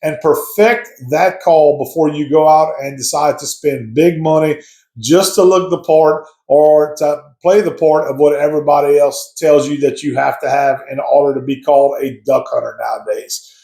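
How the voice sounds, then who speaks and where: A man with a voice a little higher than most speaks in a roomy, echoing space. He gives casual advice straight to his viewers. His delivery is conversational and explanatory, like a hobbyist laying out an opinion. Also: fairly even intonation, moderate pace, creaky, dark tone. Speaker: hobby duck hunter giving advice to viewers. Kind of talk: casual opinion talk to camera. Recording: echoey, roomy sound.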